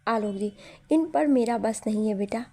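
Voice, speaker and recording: A woman's voice: on the high side, moderate pace, mellow. A woman voicing a tender, sentimental father of the bride, a middle-aged man. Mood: tearful.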